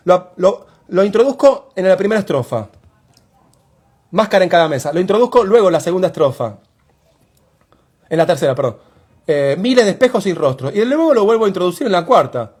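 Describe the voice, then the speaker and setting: Guy teaching poetry, high voice, really expressive pitch, keeps telling you to look closer. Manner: explains step by step, often calling on listeners to look closely. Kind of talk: explanatory lesson on a poem.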